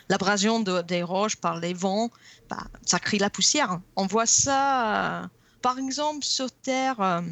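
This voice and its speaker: Casting: woman guest expert, English accent, hesitant fillers and restarts, mid-pitched voice. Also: vocal fry, a bit bright. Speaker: guest geologist. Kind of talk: radio interview.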